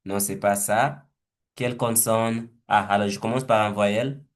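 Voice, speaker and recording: A man leading a teaching webinar, thinking aloud slowly and hesitantly as he walks through a word game. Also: fairly low pitch, steady tone. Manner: slow, hesitant, thinking aloud with repeated words.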